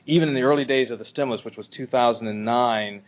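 A man hosting a talk radio interview in a halting, conversational way. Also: medium pitch. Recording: tinny phone-like internet radio line.

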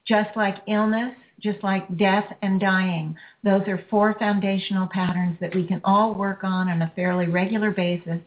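A woman hosting a healing show, leading a caller through a release in slow, soothing, repetitive phrases. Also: mid-range voice, steady tone. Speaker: energy healing radio host. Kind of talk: guided healing session with a caller. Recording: phone-like lo-fi audio.

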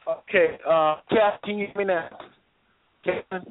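Male caller, a bit high-pitched, on a choppy phone connection that cuts in and out. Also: fairly even intonation, a little slow. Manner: keeps checking if others can hear him. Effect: choppy phone line breaking up. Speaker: call participant. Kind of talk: casual group phone call. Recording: tinny, breaking-up phone line.

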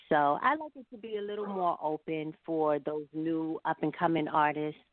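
A deep-voiced woman, interviewed as a singer over the phone, reflects conversationally and at some length. The line is narrow-band and phone-like, with no room sound.

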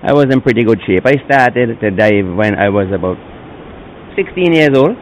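A man's voice: fairly low pitch, expressive, normal speed, dull audio, a little hiss or hum. Older man telling his story. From Bequia, Saint Vincent and the Grenadines. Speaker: turtle sanctuary keeper, interviewee. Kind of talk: interview answers.

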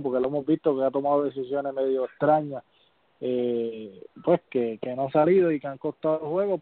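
A man co-hosting a casual sports podcast, giving calm, measured analysis. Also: mid-range voice, no room sound. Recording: tinny phone-like audio.

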